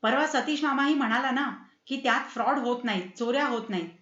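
A woman's voice: high voice, a little fast, fairly bright tone, roomy sound, lo-fi sound. A woman voicing an eager, insistent young man who is teaching his parents, in a read-aloud story.

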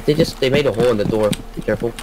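A man with a mid-pitched voice talks casually as a player in a team shooter, mixing callouts with chat. Clear noise runs behind his game voice chat. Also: racing.

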